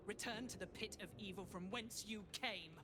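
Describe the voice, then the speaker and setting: A woman's voice: mid-range voice, moderate pace, background noise, lightly acted. A woman playing a pious, protective cleric in a fantasy video game, with an earnest, declamatory heroic delivery. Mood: fervent, defiant. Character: valiant, pious female cleric, protective and fervent.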